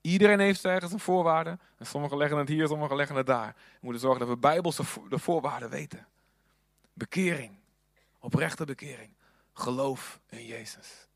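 A man preaching a sermon, moving between hushed, whispered passages and loud, fervent appeals. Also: on the high side, moderate pace, creaky, no room sound, clean studio sound.

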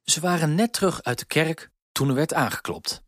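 Husky man reading a storybook. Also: a little high, normal speed, no echo, studio quality. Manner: gentle, expressive reading. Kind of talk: storybook read aloud.

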